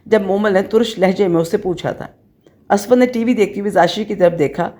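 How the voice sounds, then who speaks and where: A woman narrating a romantic novel in a steady, even storytelling manner. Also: medium pitch. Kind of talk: audiobook novel reading.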